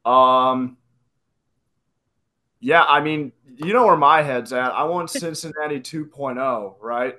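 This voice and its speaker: A man's voice: mid-range voice, takes it slowly, bright, forceful tone. A man guesting on a casual fan podcast, laid-back and hesitant with frequent ums.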